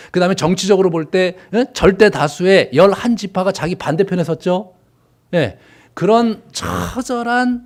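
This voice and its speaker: A male pastor preaching a sermon, swinging from loud emphasis to hushed whispers. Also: high-pitched. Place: church sanctuary.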